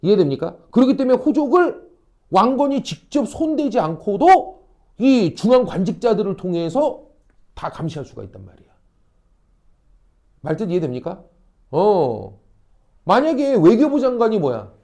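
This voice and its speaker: A man teaching a high-school history class, blunt and teasing, quizzing students and acting out a king's orders. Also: sing-song, normal speed, long pauses, warm tone. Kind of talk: classroom lecture.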